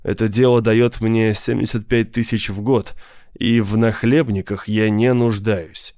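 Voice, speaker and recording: A man voicing a big, menacing lawyer who speaks slowly and with cool politeness. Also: fairly low pitch, level tone, a little mellow, dry recording, clean studio sound. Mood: angry. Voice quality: slow, measured, coolly polite. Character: big cold male mobster lawyer, menacing, patient.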